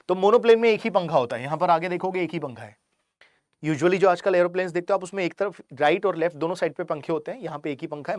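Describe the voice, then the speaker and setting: A man's voice: high-pitched, dry recording. Man teaching vocabulary, dry close sound. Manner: explains in Hindi, reads English examples slowly. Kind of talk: online exam-prep vocabulary lesson.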